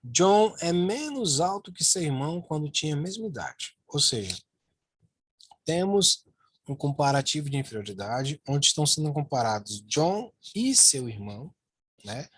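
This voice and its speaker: A man's voice: fairly high pitch, big pitch swings, normal speed, slightly rough, no echo. A man teaching English grammar in a lesson, walking students through slides and tagging phrases with "né" and "ó". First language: Portuguese. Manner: repeats "ó" and "né" while pointing at slides. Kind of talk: online lesson explaining slides.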